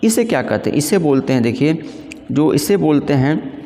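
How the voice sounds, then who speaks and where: A man teaching an exam-prep English literature lesson, reading questions slowly and explaining in Hinglish with rhetorical questions. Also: a little high, sing-song, dark tone, in a large hall.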